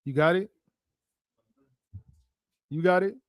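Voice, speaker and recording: Speaking close to a streaming mic with no room sound, this high-voiced man runs a group study session. As passages are read, he echoes them back slowly for emphasis and unpacks them casually, constantly asking listeners "right?" or "you feel what I'm saying?"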